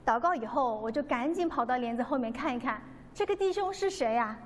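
A woman's voice: sits high, animated, fairly quick. A woman giving an earnest, devout personal testimony, telling the story and acting out the dialogue. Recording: long reverb, faint background noise.

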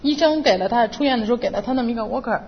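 A middle-aged woman races through an earnest, emotional church testimony in a slightly high voice, re-enacting the prayers she once said. The muffled recording carries a hall's reverb and faint noise.

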